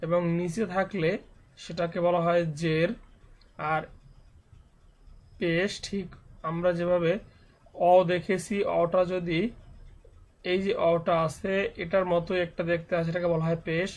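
A man teaching Quran reading in a step-by-step tutorial, patiently explaining and slowly reciting each letter sound. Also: high-pitched, little pitch movement.

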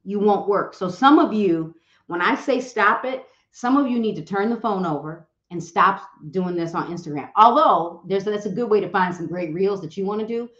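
At a moderate pace and in a mid-range voice, a woman real estate broker offers social media advice in a motivational talk. Direct, lively and playfully teasing, she performs quoted voices, and the audio comes across roomy and a bit dull.

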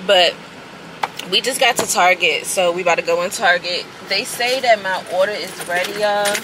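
A chatty lifestyle vlogger talks casually to camera, calling her viewers "y'all" a lot. She has a mid-range voice at normal speed, and the outdoor camera audio is noisy.

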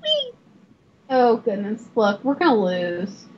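A young woman with a Southern accent, chatting and giggling in a rambling, excitable way while live-streaming a game. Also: sits high, moderate pace. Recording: slightly dull, faint noise.

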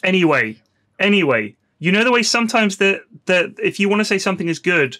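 A man's voice: sits high, expressive, a little fast, sharp tone. A man co-hosting a podcast in casual chat, playfully hamming up slang phrases. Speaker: podcast co-host.

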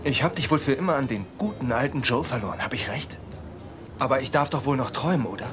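A man dubbing a lovesick soap opera character who pines for his former love, speaking softly and pleadingly, with music underneath. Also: mid-range voice, fast, lightly acted. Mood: wistful. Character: lovesick man pining for his old flame. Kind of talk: German TV soap dub.

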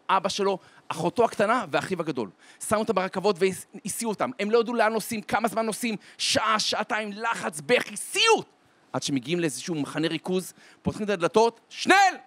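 A rabbi giving an inspirational holiday talk as a dramatic storyteller, slowing down to stretch his words for emphasis. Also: no room sound. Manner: dramatic storyteller with wide swings in pitch and loudness; slows to a drawn-out, deliberate delivery for emphasis. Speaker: rabbi and lecturer.

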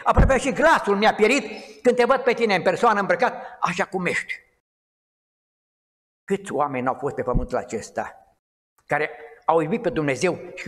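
Middle-aged guy preaching casual, high voice, lots of restarts, long echo off the walls. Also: a bit bright. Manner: conversational and digressive, with halting restarts. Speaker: lay preacher. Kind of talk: informal sermon. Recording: long hall reverb.

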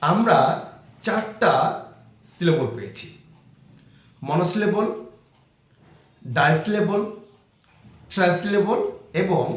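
A man teaching grammar to young children, explaining slowly and repeating each point. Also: a little high. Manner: slow, repetitive explaining to young kids. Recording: very echoey room.

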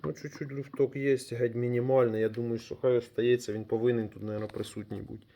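A man's voice: mid-range voice, level tone, quick pace, vocal fry, mellow, slight background noise. Man, DIY mechanic vlogger, casual and unscripted, muttering through a repair in a workshop, friendly asides to viewers. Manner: thinks aloud while working, trailing off and restarting. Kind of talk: casual hands-on repair commentary.

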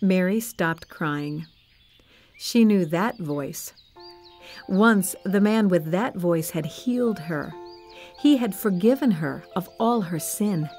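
A woman narrating a children's story in a slow, gentle and expressive way. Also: fairly low pitch, soft background music.

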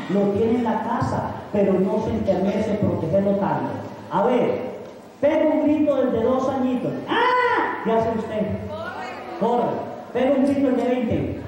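A middle-aged priest delivers a sermon in a striking high voice with a soft, mellow tone, putting questions to his congregation and answering them himself. He was recorded from a distance in a large hall, so his words ring with long reverb. A faint noise sits underneath. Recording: echoey hall recorded from far off.

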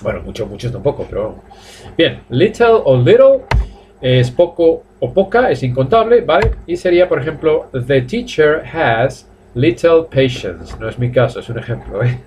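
A man from Spain with a Spanish accent, teaching a live online English class, explaining in Spanish and modelling slow drill sentences in English. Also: mid-range voice, animated, a little mellow, a little hiss or hum. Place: language academy classroom.

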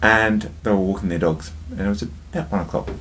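A man's voice: lowish voice, a little fast, fairly bright tone, a little hiss or hum. A man hosting a casual drinks review vlog, chatty and jokey, talking straight to his viewers and telling a joke along the way.

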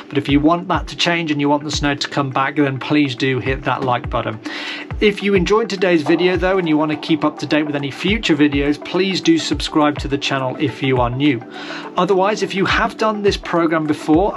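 Male vlogger, keen voice-over, slightly high voice, faint music bed. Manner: upbeat, enthusiastic. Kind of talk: voice-over narration.

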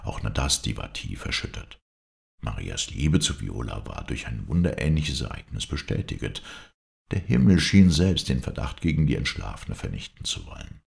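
A man narrating a classic ghost story in a measured, expressive way. His voice sits extremely low, with a gravelly fry, yet the melody moves in lively swells. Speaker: audiobook reader.

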